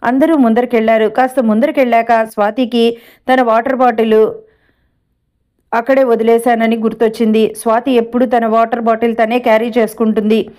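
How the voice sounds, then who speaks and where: Brief: woman storyteller, steady read-aloud narration, somewhat high voice. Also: normal speed.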